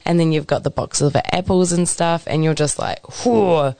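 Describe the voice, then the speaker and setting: Bubbly young New Zealand woman, lowish pitch. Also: fairly even intonation, moderate pace, warm tone, dry recording. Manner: bubbly, laughs often, chatty with fillers. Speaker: community radio co-host. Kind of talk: casual radio chat. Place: community centre studio.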